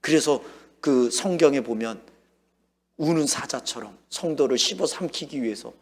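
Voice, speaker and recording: Male pastor, lively storytelling sermon, husky voice, long church reverb. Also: medium pitch, moderate pace. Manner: storytelling, acting out his own lines and shouts. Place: church sanctuary.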